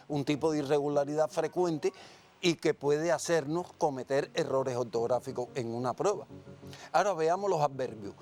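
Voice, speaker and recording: A man's voice: a little high, a little mellow. Cuban man teaching a TV lesson. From Cuba. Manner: explains slowly, asks and answers his own questions. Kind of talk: televised classroom lesson.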